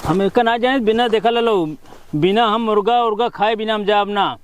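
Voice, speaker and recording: Man playing a high-pitched drunken village uncle. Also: steady tone, moderate pace, slight background noise, close to an everyday voice. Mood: stubborn, demanding. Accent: Awadhi. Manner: drunk, insistent, repetitive. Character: drunken village uncle, town drunk, stubbornly demanding food. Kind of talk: amateur rural comedy skit acting.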